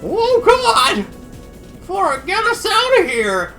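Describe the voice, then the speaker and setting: A woman voicing an excitable cartoon duck with a quacky duck voice, over game music. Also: very high voice, takes it slowly, pitched above the performer's own voice, exaggerated voice. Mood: alarmed.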